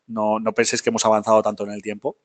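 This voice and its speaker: A man's voice: lowish voice, completely flat delivery, very fast. A man teaching a film history class live, talking casually, often checking in with his students and correcting himself as he goes. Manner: many fillers and self-corrections.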